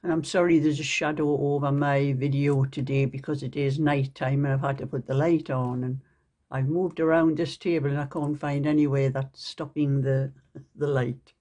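A woman's voice: rumbling low, fairly even intonation, normal speed, dark tone. An older woman with a Geordie accent, chatting casually at her table at home as she shows off a shopping haul and explains it step by step. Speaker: shopping vlogger. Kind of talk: casual show-and-tell. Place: home, at a table at night under a lamp.

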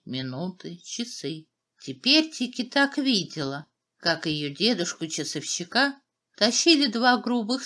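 A woman narrating a children's fairy tale in an expressive, dramatic storytelling manner. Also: mid-range voice. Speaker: audiobook narrator.

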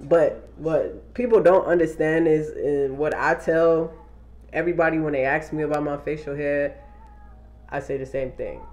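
Speaking at a moderate pace, a young male vlogger has a slightly high, a little mellow voice with fairly even intonation. He chats casually to the arm's-length camera in a small wood-paneled room, tossing out loose slang and swearing freely in a laid-back update.

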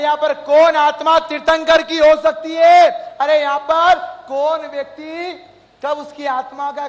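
High-voiced emphatic preacher man. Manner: emphatic, rhetorical questions to the audience, rising to shouts. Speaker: Jain monk preacher. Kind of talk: devotional sermon with chanting. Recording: long hall reverb.

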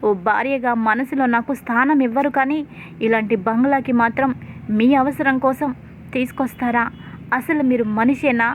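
A woman's voice: high-pitched, steady tone, normal speed, a little hiss or hum, natural voice. A woman voicing a young wife who accuses her husband in tearful anger. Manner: crying, accusing. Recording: tinny phone-like sound.

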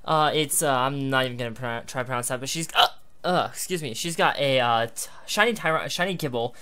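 A man talking through an online game battle, hiccuping now and then as he goes. His voice is smooth and clean, sitting at a middling pitch. He muses aloud about each move in a loose, rambling way. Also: fast, pushed and bright. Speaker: gaming YouTuber. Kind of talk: live battle commentary.

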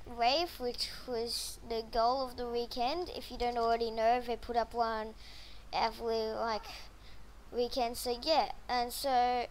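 A woman giving casual gameplay commentary, rambling and excitable, full of fillers. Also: a little high, a little slow, a little hiss or hum, rough recording.

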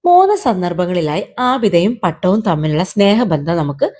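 A woman teacher reading a story aloud to young pupils in an expressive, lively way and then asking them questions about it. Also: on the low side, moderate pace. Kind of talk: storytelling lesson for children.

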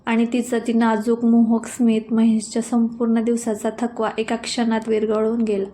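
A woman narrating an emotional family story in a gentle, expressive way. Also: fairly high pitch, normal speed, a little hiss or hum. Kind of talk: scripted narration.

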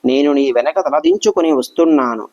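A man voicing an excitable young woman, a granddaughter, who talks urgently, in a dull lo-fi recording. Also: fairly high pitch, brisk, natural voice. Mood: hushed explaining.

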